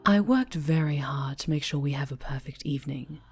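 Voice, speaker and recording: A woman plays a sinister dark-angel superhero fixated on the listener in an intimate ASMR scene, whispering and cooing with a sweet menace. She sits low and speaks a little fast with light acting over soft music, her mood cold and demanding.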